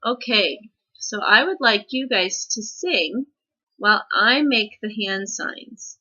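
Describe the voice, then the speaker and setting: A woman's voice: medium pitch, lively intonation, takes it slowly, sharp tone, dull audio. A woman teaching a recorded music lesson, explaining patiently step by step and checking in with "okay?" as she goes.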